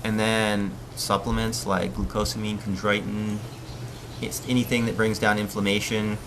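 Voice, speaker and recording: Relaxed and chatty, a Hawaiian man hosts a surf live stream and answers viewer questions. He speaks at a moderate pace in a low voice, with faint outdoor ambience and a noisy background behind him.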